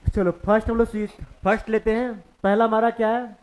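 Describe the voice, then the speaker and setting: A man's voice: sits high, little pitch movement, fairly quick, clean tone, low-quality recording. A man teaching a physics class in Hindi-accented speech, explaining step by step and often asking the students whether they follow. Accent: Hindi-speaking eastern India. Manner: conversational, keeps checking understanding with the class. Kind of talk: classroom lecture.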